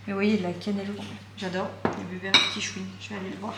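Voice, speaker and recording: A woman's voice: medium pitch, flat delivery, rapid-fire. A young woman chatting casually in a vlog at home, enthusiastic and rambling with many fillers and repetitions. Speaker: vlogger. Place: at home, indoors. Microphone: phone or camera close by. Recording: echoey room with background noise.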